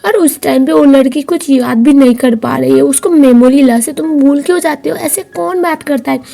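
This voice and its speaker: A woman's voice: high voice, normal speed, creaky, dark tone. A woman voicing a bossy old grandmother who scolds and preaches to her grandson. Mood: scolding.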